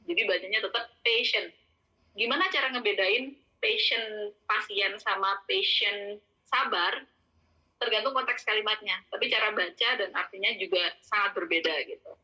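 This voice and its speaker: Bright-voiced woman teaching vocabulary. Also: medium pitch, slightly rough. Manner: explains patiently, repeats words slowly, self-corrects. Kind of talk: casual spoken lesson. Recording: dull lo-fi sound.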